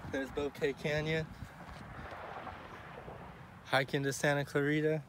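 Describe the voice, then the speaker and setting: A man vlogging on a hike, joking and a bit out of breath. He is recorded on a handheld phone outdoors, with loud noise in the background. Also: fairly high pitch, level tone, measured pace. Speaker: vlogger hiking. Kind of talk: casual vlog chat. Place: outdoor hiking trail. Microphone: handheld phone camera.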